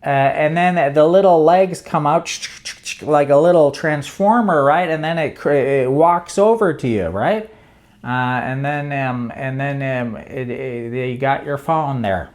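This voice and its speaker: A man with a slightly high voice talks to his channel's viewers in an unhurried, rambling monologue. He circles around his points, breaks off mid-phrase and tries again, and sounds as if he is working out each idea as he speaks. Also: a little mellow. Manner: meandering, hesitant, many restarts. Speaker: channel host. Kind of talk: casual brainstorming monologue.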